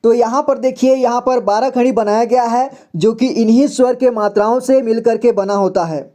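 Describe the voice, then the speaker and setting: A man's voice: very high-pitched, fairly even intonation, moderate pace, dark tone. A man teaching a beginners' reading lesson, patiently sounding out syllables one by one and checking in with frequent "okay?" asides. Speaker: Hindi teacher.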